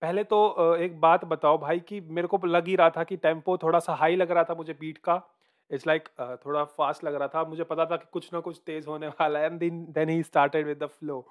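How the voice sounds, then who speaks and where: A man's voice: fairly high pitch, level tone, normal speed. A man hosting a music reaction video, chatting casually, mixing Hindi and English, with hesitant fillers and calling the listener bro.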